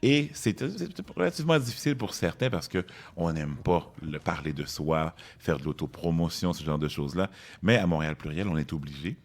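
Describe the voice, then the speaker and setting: A male radio host with a deep voice. He talks emphatically and conversationally, leaning on key words while he introduces and questions his guest. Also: animated, moderate pace. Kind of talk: radio interview hosting.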